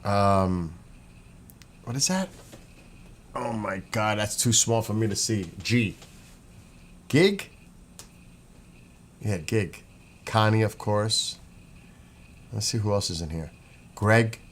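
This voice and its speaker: Slow and given to long pauses, this lowish-voiced New Yorker rambles casually on a livestream, welcoming commenters and reading their words aloud. You can clearly hear background noise and room ambience.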